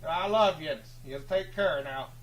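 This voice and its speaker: A man's voice: fairly high pitch, measured pace, highs cut off, a little hiss or hum, voice pushed down, close to an everyday voice. A man playing a boastful, rambling hillbilly who hosts a sports call-in show, with a folksy drawl. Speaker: host. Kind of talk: comic character bit on a live stream.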